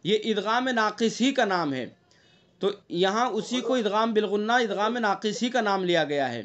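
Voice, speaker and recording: A man's voice: sits high, animated, a bit bright. A man teaching an online Quran recitation class, explaining rules patiently, often checking with the students and sounding out the nasal examples himself.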